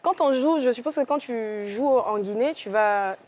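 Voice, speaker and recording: A woman's voice: fairly high pitch, moderate pace, a little mellow. A woman co-hosting a TV talk show from a studio, asking chatty questions. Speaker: TV show co-host. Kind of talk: TV studio interview.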